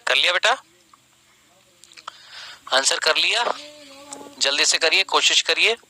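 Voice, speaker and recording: A man's voice: fairly high pitch, measured pace, pushed and bright, poor audio. A young man teaching exam questions online, scolding and then sulking sarcastically at his students, calling them beta and stretching key words.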